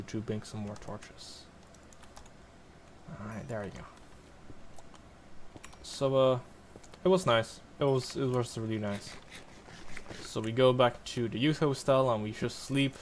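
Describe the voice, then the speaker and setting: A man's voice: mid-range voice, a little hiss or hum. A young man casually rambling over gameplay, full of likes and restarts. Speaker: gaming vlogger.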